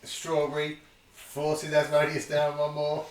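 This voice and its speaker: A man's voice: a little high, monotone, unhurried. A man running a tabletop game as game master, narrating scenes in a loose, conversational way with plenty of fillers. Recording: roomy, distant mic, faint noise.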